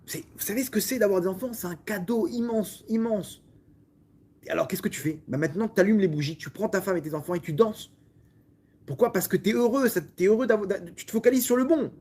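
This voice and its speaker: A man from France with a French accent, a rabbi giving a lively Torah lesson full of restarts and direct questions to his listeners. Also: high voice, fairly quick, slightly rough. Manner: repetitive, stumbling restarts, talks directly to listeners.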